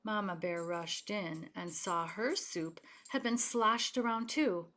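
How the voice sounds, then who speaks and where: Her medium-pitched voice moving at a slow pace, a storybook reader delivers a children's story expressively. She stays animated and speaks to young listeners directly, asking them questions.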